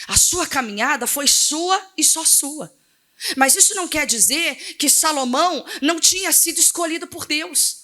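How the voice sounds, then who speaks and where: Animated high-voiced woman pastor preaching. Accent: Brazilian Portuguese. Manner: animated preaching, acts out dialogues, laughs often. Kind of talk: sermon.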